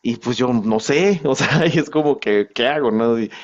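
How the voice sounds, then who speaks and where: A man with a Mexican accent, speaking at a medium pitch as a guest in a relaxed interview. He talks haltingly, stopping and restarting often. The audio is a little dull and lo-fi. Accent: Mexican, non-central. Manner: halting, many pauses and restarts. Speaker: podcast guest. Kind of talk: casual conversational interview.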